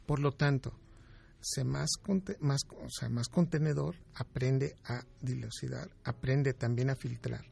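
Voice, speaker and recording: A man's voice: medium pitch, a little slow, vocal fry, darkish tone, breathy edge. A man, a doctor guest in an interview, giving emphatic advice and explaining with examples.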